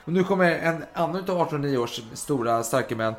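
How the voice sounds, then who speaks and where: A man's voice: a little high, animated, a little hiss or hum. A man casually and animatedly retelling history as a podcast host, swearing freely and acting out scenes.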